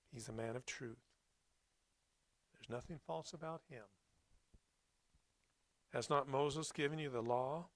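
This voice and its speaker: A man preaching a Sunday sermon, reading scripture and commenting on it in a plainspoken, reflective, halting way. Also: medium pitch, dry recording.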